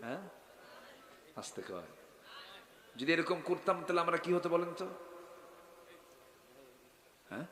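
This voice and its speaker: A man preaching a sermon, telling stories dramatically with sudden loud bursts and quizzing the crowd. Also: on the high side, big pitch swings, measured pace, long pauses. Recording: echoey hall with long reverb.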